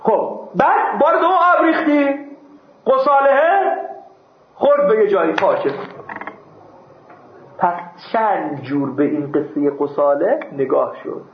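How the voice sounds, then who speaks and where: A man's voice: high-pitched, animated, pauses often, slight background noise. A man teaching a seminary class, reading Arabic text aloud and explaining it with questions and the odd joke. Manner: explains by question and answer, jokes with students. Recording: dull echoey classroom recording.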